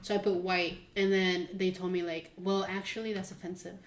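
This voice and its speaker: A woman's voice: fairly low pitch, normal speed, a little hiss or hum. Laughing young woman in an echoey room. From Mexican. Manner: animated, laughs while telling stories. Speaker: podcast co-host. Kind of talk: casual chat.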